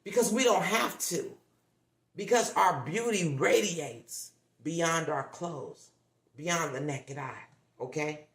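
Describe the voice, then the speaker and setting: A woman's voice: low voice, takes it slowly. A woman hosting a motivational livestream who talks emphatically, repeats herself for effect and keeps checking in with the audience. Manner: emphatic, repetitive, coaxing with tag questions. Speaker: livestream host. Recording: roomy echo.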